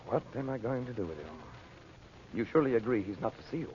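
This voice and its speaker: An actor playing a commanding, protective American magician in an old-time radio adventure serial, speaking briskly with authority. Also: male voice, lowish voice, lively intonation, darkish tone, lightly acted. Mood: stern, concerned. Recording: dull, noisy old radio recording.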